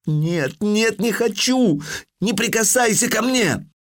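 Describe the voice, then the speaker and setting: A man's voice: sits high, animated, takes it slowly, no echo, clean studio sound, pitched above the performer's own voice. A man voicing a frightened young girl crying out from a nightmare in an audiobook. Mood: terrified. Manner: frightened, pleading cries.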